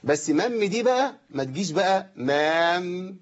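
A man's voice: high voice, animated, measured pace, highs cut off. A man with an Egyptian accent teaching Quran recitation on a live show, stretching out demonstration phrases and quizzing his students. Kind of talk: live TV recitation lesson with call-ins.

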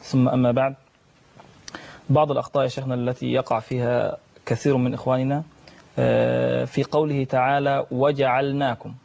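A man, a Quran teacher calmly explaining recitation mistakes as a studio guest. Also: mid-range voice, creaky, lo-fi sound. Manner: measured, teacherly, quotes recitation rules. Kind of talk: discussion of recitation errors.

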